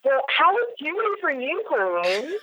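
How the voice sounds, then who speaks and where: A woman's voice: high voice, very animated, normal speed, bright, forceful tone, slight background noise. A woman co-hosting a podcast while calling in by phone, talking in a playful, teasing way. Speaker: podcast co-host. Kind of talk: casual podcast chat. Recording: dull phone-line audio.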